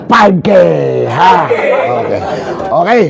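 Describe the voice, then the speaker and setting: High-voiced energetic male seminar speaker. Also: slow, over a noisy crowd. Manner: energetic, joking, calls out to listeners, leads shouted chants. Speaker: seminar speaker for overseas workers. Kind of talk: lively seminar talk leading group chants.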